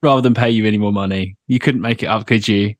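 A man's voice: fairly low pitch, steady tone, quick pace, no echo. A man hosting a podcast in a casual, chatty style. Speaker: podcast host. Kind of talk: casual chat.

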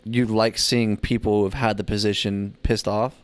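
A young man on a casual podcast who keeps asking questions and pushes back on his co-host's points. His voice sits a little low and sounds smooth and clear. He nods along often with short agreement. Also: level tone, moderate pace, no echo. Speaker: podcast co-host.

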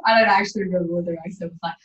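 A woman with a fairly low voice tells a personal story on a podcast, earnest and animated and quick to laugh. She sounds far from the mic, in a roomy, echoing space. The sound is muffled and dull. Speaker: podcast guest. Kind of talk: casual storytelling chat.

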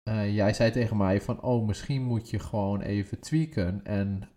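A man's voice: lowish voice, fairly even intonation, moderate pace, dark tone. A man co-hosting a podcast, talking in a methodical, searching way in casual chat. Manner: methodical, hesitant, with many fillers and restarts. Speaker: podcast co-host.

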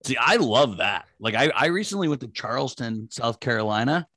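Man, medium pitch, upbeat casual questions, dry close mic. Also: lively intonation, bright, forceful tone, dry recording. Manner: quick, upbeat, quiz-style questions. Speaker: podcast co-host asking questions. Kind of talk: casual sports chat.

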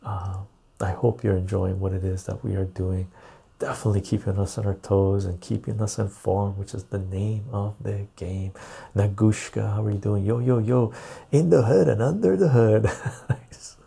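A man with a fairly low, very creaky voice chats casually to his live stream viewers through a clip-on lapel mic. His delivery is laid-back and jokey, with a husky edge. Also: little pitch movement, moderate pace, warm tone. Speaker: live stream and podcast host. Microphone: lapel mic clipped on.

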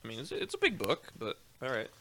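A young man co-hosting a podcast in casual chat, joking, swearing and laughing, sometimes reading aloud a little haltingly. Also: mid-range voice, wildly swooping pitch, sharp tone. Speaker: podcast co-host.

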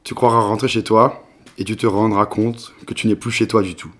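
A man's voice: fairly low pitch, little pitch movement, normal speed, a bit bright. A man in his twenties voicing a wounded, brooding young Italian lover in a read-aloud novel, speaking wryly and sardonically. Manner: wry and sardonic.

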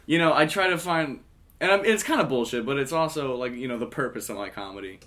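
A man's voice: mid-range voice, expressive, fast talker, a bit bright. A young man in his twenties, a podcast guest, talking casually in a rambling, upbeat way with lots of restarts. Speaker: podcast guest, comic and musician. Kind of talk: casual conversation.

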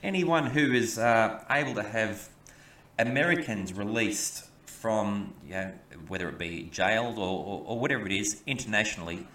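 A man co-hosting a podcast, talking in halting bursts with many stammers and restarts. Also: on the low side, fairly bright tone. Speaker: podcast co-host. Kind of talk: opinionated podcast chat. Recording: echoey room, mic at a distance.

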